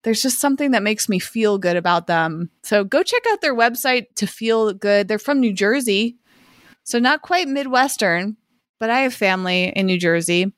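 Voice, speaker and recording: A woman co-hosting a podcast in a casual, chatty style, musing aloud with animated asides. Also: mid-range voice, moderate pace, no echo, clean studio sound. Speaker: podcast co-host. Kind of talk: casual chat.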